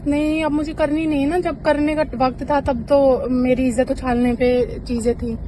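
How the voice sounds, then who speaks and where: A woman's voice: high-pitched, flat delivery, normal speed, mellow. A woman in a heated private phone conversation, speaking insistently and accusingly, heard on a phone call recording. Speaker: actress on a leaked phone call. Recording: noisy phone call recording, street and vehicle sounds.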